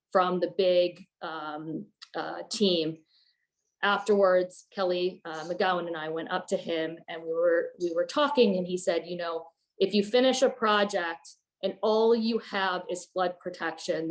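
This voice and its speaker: A woman representing a neighborhood group, presenting design principles in a conversational way with fillers. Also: on the low side. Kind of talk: online presentation.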